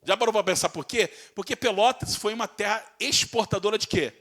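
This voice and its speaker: A male pastor preaches in a high, bright, forceful voice. He keeps firing rhetorical questions at the congregation, acts out harsh quoted remarks, and drags words out as his volume swells and drops. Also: brisk. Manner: stretches words with swings in loudness. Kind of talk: sermon.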